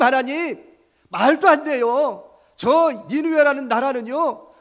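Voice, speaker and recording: A man voicing the prophet Jonah as a panicked grown man who protests and pleads loudly in a high voice.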